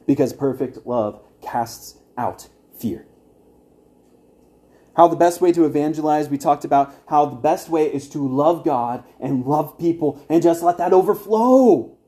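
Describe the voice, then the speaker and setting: A man's voice: on the high side, unhurried, dark tone. A young man teaching an evangelism class at church, earnest and conversational, with wry asides to his listeners.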